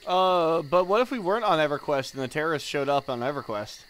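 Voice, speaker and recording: A man's voice: on the high side, quick pace, fairly bright tone, smooth. A man chatting playfully and joking as he comments on an online game with his friends. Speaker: let's play co-host. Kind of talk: casual chat and game commentary. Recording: faint noise, insects and game ambience.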